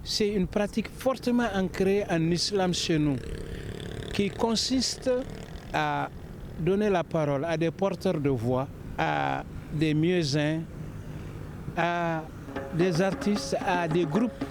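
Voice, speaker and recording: A man's voice: a little high, slow pace, vocal fry, noisy background. A man explaining in an interview, emphatic, often repeating his phrasing. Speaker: interviewee explaining local religious custom.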